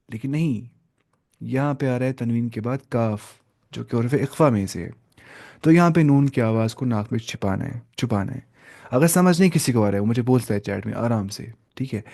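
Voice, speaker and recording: A man's voice: mid-range voice, darkish tone. Man teaching Quran reading, letter by letter. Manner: spells out letters and vowel marks slowly, then blends them; asks and answers his own questions, checks understanding. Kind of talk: live online Quran reading lesson.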